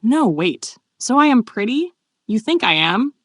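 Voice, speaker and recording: Woman reading a flustered teasing young noble lady, lively pitch, dry close sound. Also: a little slow, no room sound, exaggerated voice.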